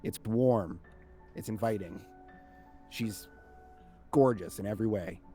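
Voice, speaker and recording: A man narrating a tabletop game casually as game master, halting and sweary. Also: lowish voice, mellow, soft background music.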